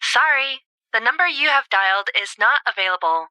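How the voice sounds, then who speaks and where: A woman voicing an automated phone operator, heard as a recorded phone message, polite and even. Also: fairly high pitch, normal speed, smooth, no room sound, poor audio. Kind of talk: dubbed drama.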